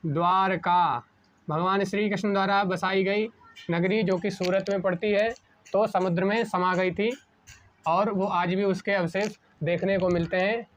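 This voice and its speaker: A man teaching an exam-prep spelling lesson at a board, asking a question and answering it himself, slowing down on each correct word. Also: sits high, fairly even intonation, a little hiss or hum. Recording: dull lo-fi sound.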